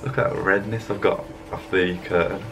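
Speaking to his desk webcam in an indoor room, a young fitness vlogger narrates gym footage in a casual, rambling, laid-back voice-over. His voice sits low with fairly even intonation at normal speed. Background noise is audible.

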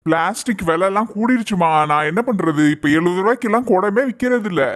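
A friendly male shopkeeper pitches his wares in an easygoing, salesy way, played by a woman in a doll-play story. The voice sits in an ordinary middle pitch with no strong put-on. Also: lively intonation, fast talker, close to an everyday voice.

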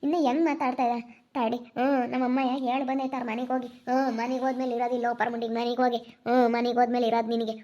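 A young woman with a central Karnataka Kannada accent speaks earnestly and pleadingly, in a high voice. The recording sounds dull and lo-fi. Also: level tone, racing, mellow. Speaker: vlogger. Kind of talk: emotional couple conversation.

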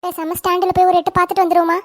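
A woman's voice: extremely high pitch, level tone, rapid-fire, dry recording, studio quality. A woman voicing a worried, fretful middle-aged mother in a cartoon family drama. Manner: fretful, complaining.

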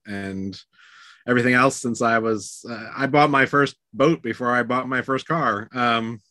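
A man's voice: medium pitch, pushed and bright, no room sound. A man in his forties, a guest on a home video call, talking in an easygoing, rambling way with restarts. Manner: rambling, self-correcting, easygoing. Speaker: interview guest. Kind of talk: casual video-call interview. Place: home room, indoors. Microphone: video call webcam.

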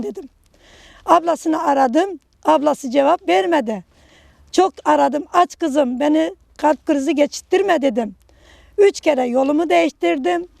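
A middle-aged woman tells her story in short, broken phrases. Her voice sits high and is heavily gravelly. The sound is dry and close. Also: a little mellow, dry recording. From Kahramanmaraş, Turkey. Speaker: earthquake survivor interviewee. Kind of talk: personal testimony.

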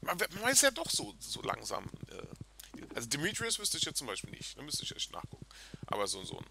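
A chatty, excitable man hosting a video game let's play and talking casually to his viewers. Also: on the high side, brisk, vocal fry, background noise. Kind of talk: casual gameplay commentary. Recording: game music in background.

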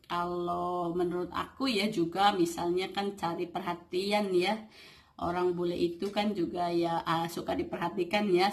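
A woman talking casually to camera, giving advice with many fillers and playfully acting out quoted lines. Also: fairly low pitch. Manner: chatty, full of fillers, acts out quoted lines. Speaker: vlogger giving dating advice.

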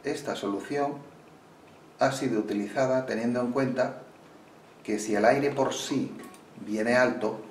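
A man explaining flamenco guitar keys in a calm, unhurried lesson. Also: mid-range voice, distant mic, slight background noise. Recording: roomy sound from off mic with loud guitar.

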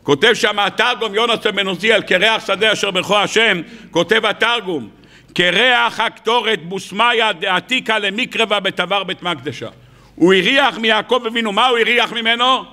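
High, bright-voiced rabbi preaching. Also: male voice. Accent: Israeli Hebrew. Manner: rhetorical questions and playful mockery; animated, acts out quoted dialogue. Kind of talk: sermon.

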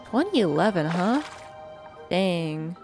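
A woman chatting casually on a live game stream as a VTuber, with a cute, bubbly, excitable anime-streamer delivery. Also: on the low side, slow pace. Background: music.

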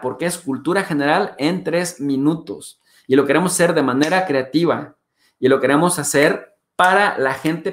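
A Mexican man with a Mexican accent hosting his show, talking in a chatty, animated way with playful swearing. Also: a little high, echoey room. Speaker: host. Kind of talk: animated casual monologue.

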